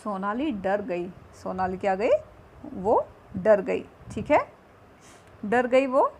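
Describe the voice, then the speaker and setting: Slow patient woman teacher. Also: mid-range voice, expressive, darkish tone, a little hiss or hum. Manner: patient, repetitive, checks in with "theek hai". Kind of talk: reading and explaining a school textbook lesson.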